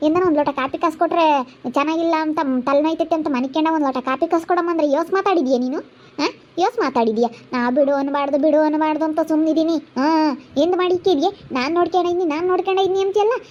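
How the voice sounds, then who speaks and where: A woman playing an angry woman who defends the quiet girl and rebukes her sister, with a rural central Karnataka accent. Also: high voice, quick pace, natural voice. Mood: rebuking. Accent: rural central Karnataka Kannada. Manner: loud, rebuking. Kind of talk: amateur family drama acting. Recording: muffled lo-fi recording.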